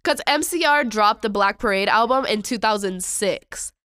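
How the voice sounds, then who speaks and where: A woman's voice: medium pitch, normal speed, fairly bright tone, smooth, no room sound, studio quality. A young adult woman hosting a podcast, ranting in a casual, exasperated way with lots of slang and repetition. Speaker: podcast host.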